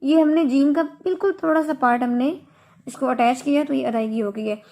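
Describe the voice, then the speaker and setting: A woman's voice: high-pitched, a little mellow. A woman teaching Quran recitation in an online lesson, explaining patiently and stretching out her examples. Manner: slow, patient explaining with drawn-out Arabic examples.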